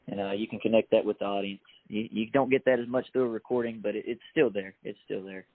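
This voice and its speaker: A man from Texas, a country singer being interviewed, talking casually and haltingly and repeating words as he searches for them. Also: fairly low pitch, steady tone, no room sound. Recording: tinny phone-like line.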